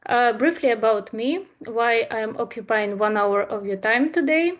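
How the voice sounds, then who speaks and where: A woman from Eastern Ukraine, with a Ukrainian accent, gives an earnest talk to an online audience, pausing often with uh and um. Her voice is on the high side, and the audio's highs are cut off.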